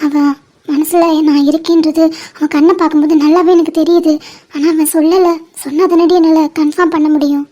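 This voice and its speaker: A woman voicing a lovesick young woman in an animated cartoon, speaking in a worried, hesitant way. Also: high voice, brisk, close to an everyday voice. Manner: worried, hesitant, tearful pleading.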